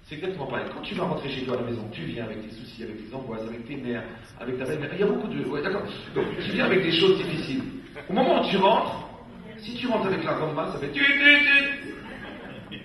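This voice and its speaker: A man's voice: fairly high pitch, fast. A rabbi giving a humorous talk to a dinner audience, telling stories and acting out the people he quotes. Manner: lively storyteller, acts out quoted people. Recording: echoey hall, distant mic, faint noise.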